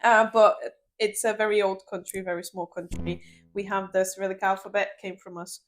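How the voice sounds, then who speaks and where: A young woman from Bulgaria with a Bulgarian accent, co-hosting a podcast in casual chat, blunt with dark humor and casual swearing. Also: medium pitch, level tone, brisk, faint music behind. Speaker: podcast co-host.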